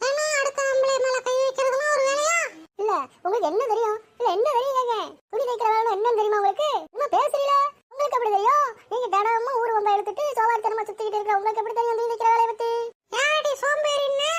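A woman voicing several quarrelsome village women in a cartoon, with a scolding, shrill manner. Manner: scolding, high-pitched and shrill.

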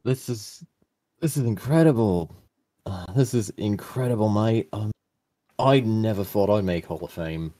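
This man calls a video game match as color commentator, casual and quick to react. His voice sits on the low side, slightly raspy yet mellow, and expressive.

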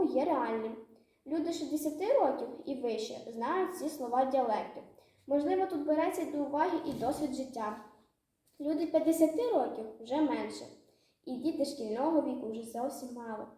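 Brief: female student presenter, high mellow voice, careful prepared read, heavy room echo. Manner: measured, careful reading with listed examples. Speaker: student presenter of a research project. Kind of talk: reading a prepared research report. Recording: very echoey room.

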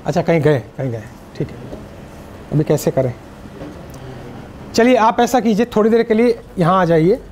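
A middle-aged Indian man with an Indian accent, giving a lively public speaking workshop to a live audience, mixing Hindi and English and joking with the crowd. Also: high-pitched, normal speed, long pauses, a little hiss or hum. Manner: energetic, directs the audience, jokes. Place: seminar room with live audience.

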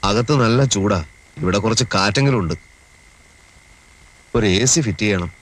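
A man's voice: on the low side, normal speed, natural voice. An actor playing a breezy, wry male lawyer who tosses off casual, dry quips.

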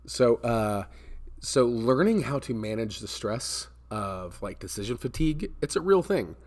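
An American man in his forties speaks to the camera with a mid-range, expressive voice that's unhurried and a little mellow. He explains business advice in a casual, conversational way, repeating words for emphasis. He's in an indoor office with a metal ceiling and a glass garage door.

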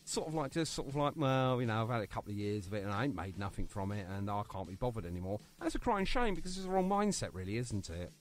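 On his radio show, a British-accented host chats jokily and loosely with a guest, leaning heavily on fillers as he rambles. His voice is fairly low and expressive, moving quickly with few pauses.

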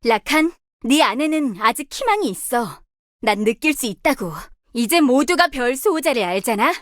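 A voice actress performs video game character voice lines for a confident young female star guardian warrior who leads her team, delivering bold, commanding quips with a determined mood. Her voice is high with lively intonation at a moderate pace, in a dry, studio-quality recording.

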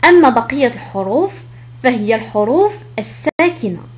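A woman teaching French pronunciation in a lesson, explaining letter rules and repeating each example word slowly. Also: fairly high pitch, sing-song, slight background noise.

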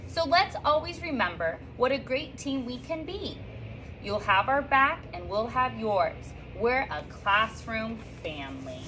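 A woman in her thirties who teaches third grade records a cheerful, sing-song welcome and picture book read-aloud for her class in a classroom reading corner, reading with lively rises and slips. Her voice sits on the high side and moves a little slowly. A phone or camera on a stand a few feet away captures it, with slight background noise and poor audio quality.

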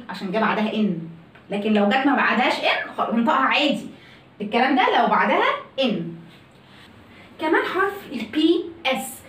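A high, quick-talking woman with an Egyptian Arabic accent runs a pronunciation lesson. She keeps firing questions at her class and answering them herself. The sound is roomy and echoey, as if the mic sits some distance away. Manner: animated, asks and answers her own questions. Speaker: English pronunciation teacher. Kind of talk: lively video lesson.

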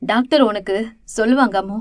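A woman voicing a grieving middle-aged mother who speaks softly through tears in an audio novel. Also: medium pitch, fairly quick, no room sound, studio quality, voice pushed down, lightly acted. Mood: tearful. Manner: soft, tearful.

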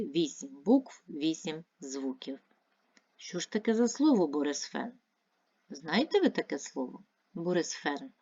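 A woman with a lowish voice teaches a primary school lesson, carefully spelling out each letter and sound. The recording is dull and lo-fi. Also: darkish tone. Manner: clear, measured dictation, spelling out letters and sounds. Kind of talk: online language lesson.

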